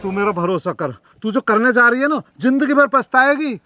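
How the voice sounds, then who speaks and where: Actor as an earnest village lad in love, blunt and pleading, high voice. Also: male voice, lively intonation, moderate pace, background noise. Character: earnest young village man, lovesick. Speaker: creator and lead of the sketch. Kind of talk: village comedy sketch acting. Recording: music underneath.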